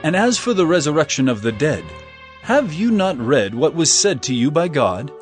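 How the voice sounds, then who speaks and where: Playing Jesus in a scripture drama, a man with a fairly high pitch speaks as a steady, authoritative teacher. His measured, solemn words come across as firm, with faint music underneath.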